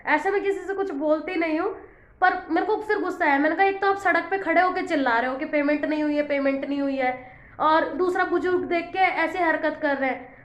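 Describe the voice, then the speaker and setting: A woman's voice: sits high, echoey room, lo-fi sound. A young woman chatting through a home vlog voice-over, telling a complaining story in a talkative way. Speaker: home vlogger.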